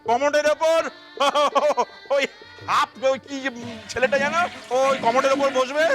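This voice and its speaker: A man's voice: sits high, fairly quick, faint music behind. A man playing a frantic, ranting father of the bride. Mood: exasperated ranting. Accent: Kolkata Bengali. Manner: ranting, shouting, sarcastic, repeating himself. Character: frantic middle-aged father of the bride, money-obsessed. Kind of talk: theatre play reading.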